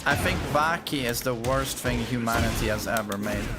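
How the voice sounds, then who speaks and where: A man's voice: medium pitch, moderate pace. A man streaming a game and giving profane, sarcastic running commentary. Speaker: gaming streamer. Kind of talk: casual gaming commentary. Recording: game music playing behind. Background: game music.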